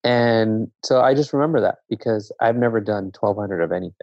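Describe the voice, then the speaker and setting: A man from Zambia speaks as a guest in a casual conversation, reflective and measured, often circling back to restart a thought. His voice is low, dark and gravelly. The recording is dry and dull, with a lo-fi sound. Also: no echo.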